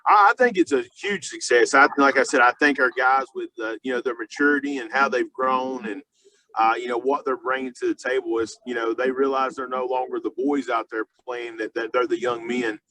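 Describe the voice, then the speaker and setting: A man speaking off the cuff as a high school football coach in a sports interview, halting and often restarting his phrases with lots of filler. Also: crowd noise, rough recording.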